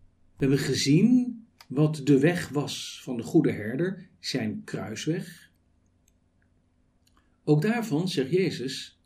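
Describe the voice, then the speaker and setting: A man preaching a sermon with a fairly high, mellow voice that rises and falls with a lot of movement. He speaks very slowly and deliberately, stacking rhetorical questions and measured lists.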